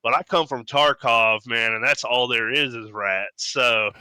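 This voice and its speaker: A man's voice: mid-range voice, unhurried, bright, forceful tone, clear, resonant tone, dry recording, low-quality recording. A man co-hosting a podcast, talking casually and animatedly, swearing freely and mimicking other people's voices when he tells stories. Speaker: podcast co-host. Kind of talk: casual chat.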